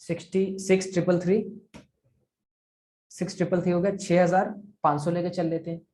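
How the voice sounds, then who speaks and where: A man's voice: high-pitched, flat delivery, moderate pace, warm tone, a little hiss or hum. Man coaching sales over a video call. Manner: coaching, repeats figures aloud, asks "ठीक है?". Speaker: affiliate marketing sales trainer. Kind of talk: live online training session.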